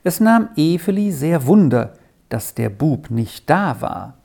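A storyteller reading a children's story aloud in a slow, expressive way. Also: medium pitch, gravelly.

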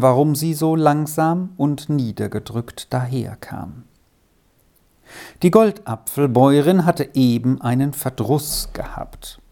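A woman reading a children's story aloud in a calm, measured way. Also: very deep voice, vocal fry. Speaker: narrator.

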